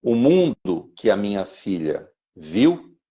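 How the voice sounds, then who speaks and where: A man's voice: on the low side, sing-song, takes it slowly, dark tone. A man teaching on a podcast and telling a personal story, with rhythmic repeated phrases and stammered restarts. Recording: dull lo-fi sound.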